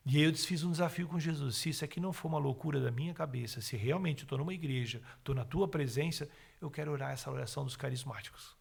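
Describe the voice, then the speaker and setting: A man's voice: a little high, fast, vocal fry, hardly any pauses, slightly rough. A middle-aged man, telling his personal testimony as a podcast guest and acting out the words of the people in it. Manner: animated, acts out his own and others' words.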